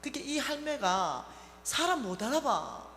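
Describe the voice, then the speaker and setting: A woman gives a sermon testimony, her pitch leaping up and down as she acts out every voice in the story. She is recorded from the floor of a reverberant church hall with a faint hum underneath. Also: unhurried. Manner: animated storytelling, acting out both sides of a quarrel. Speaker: church speaker giving a testimony.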